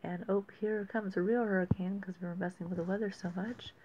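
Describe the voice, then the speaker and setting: A woman giving casual, unscripted commentary as host of an amateur weather report, speaking haltingly and thinking aloud with pauses. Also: medium pitch, steady tone, a little mellow. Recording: dull lo-fi audio with faint noise.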